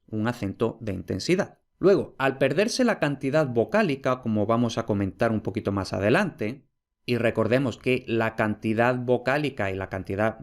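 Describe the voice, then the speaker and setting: Patient man lecturing on slides. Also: mid-range voice. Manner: clear, patient, slows to spell out example words. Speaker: Latin philology lecturer. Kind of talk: recorded lecture over slides.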